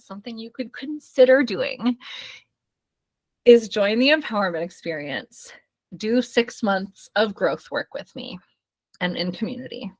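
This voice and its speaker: A bright-voiced woman wraps up a live online workshop she is hosting. She talks effusively and reassuringly, addressing the viewers directly. The sound has the feel of a video call mic. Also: medium pitch. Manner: effusive, affirming, talks straight to the audience. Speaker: workshop host and studio founder.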